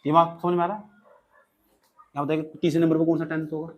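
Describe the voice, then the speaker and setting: A man's voice: a little high, level tone, fast talker, dull audio. A male teacher, quizzing and teasing students in a classroom lecture. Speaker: grammar teacher.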